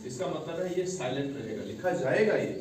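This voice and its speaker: A man's voice: on the high side, expressive, fairly quick, distant mic. A male teacher giving a classroom English lesson, repeating key words and quizzing his class. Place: echoey classroom. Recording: echoey room recorded from afar, noisy.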